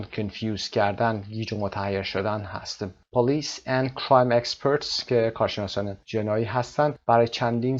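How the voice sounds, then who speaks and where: A male English teacher explaining a textbook lesson, reading English lines slowly and clearly and then explaining them at a quicker pace. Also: medium pitch, highs cut off.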